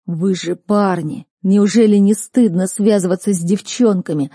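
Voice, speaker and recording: A woman's voice: medium pitch, steady tone, moderate pace, warm tone, slightly rough, no echo, studio quality, lightly acted. A woman reading an audiobook, voicing a stern, furious male academy rector who barks and scolds. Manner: barking, scolding.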